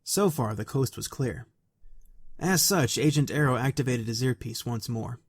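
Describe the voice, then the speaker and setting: Soft-spoken man reading a story. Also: medium pitch, animated, moderate pace, husky, no room sound, studio quality. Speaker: narrator. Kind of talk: reading a fan story aloud.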